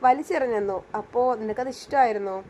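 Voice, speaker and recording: A woman narrator voicing a young man who is ill with fever, speaking gently and protectively. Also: on the high side, quick pace, a little hiss or hum, lightly acted. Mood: gentle. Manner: gentle, reassuring.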